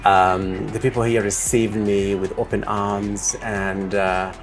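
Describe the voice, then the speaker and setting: A man from Uganda answering interview questions as a project leader, speaking in a measured way with many pauses and fillers. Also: lowish voice, level tone, faint music behind.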